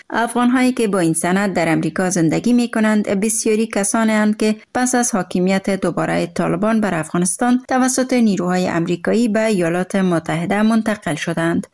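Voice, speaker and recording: A woman narrating a radio news report in a steady, formal tone. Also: mid-range voice.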